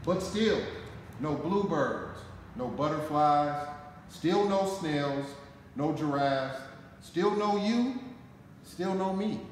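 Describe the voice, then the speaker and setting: His voice a bit on the high side, a Detroit firefighter in his forties reads aloud from a picture book with an American accent, taking it deliberately and dramatically with emphatic phrasing. The recording comes from a camera a short distance away in the station's indoor garage, whose concrete floor makes the hall echo over noticeable background noise.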